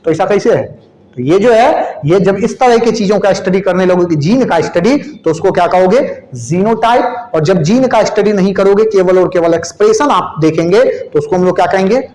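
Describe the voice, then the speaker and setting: A male biology teacher giving a classroom lecture. He spells out terms slowly as he writes and keeps asking the class questions. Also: sits high, darkish tone, roomy sound, poor audio. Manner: repeats terms slowly while writing, asks questions to the class.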